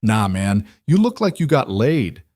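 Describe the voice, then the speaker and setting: A man's voice: lowish voice, very animated, unhurried, a little mellow, dry recording, clean studio sound. A man voicing an easygoing male construction co-worker who talks bluntly and jokes around. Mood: teasing. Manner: blunt, joking.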